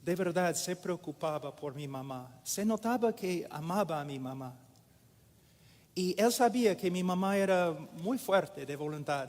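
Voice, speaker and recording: A man preaching a sermon in a slow, deliberate way with many pauses. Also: a little high, darkish tone. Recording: echoey hall with long reverb.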